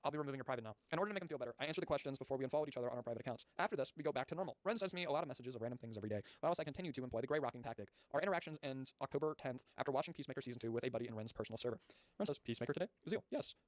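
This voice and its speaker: Man, streamer, rapid-fire reading, exasperated swearing asides, dry close sound. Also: medium pitch, lively intonation, dry recording. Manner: stumbling over words while reading. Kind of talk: reading documents aloud with live commentary.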